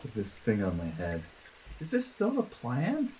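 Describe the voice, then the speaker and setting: A man's voice: medium pitch, huge pitch swings, unhurried, warm tone, slight background noise, low-quality recording. A man playing a tabletop game, talking casually and in character.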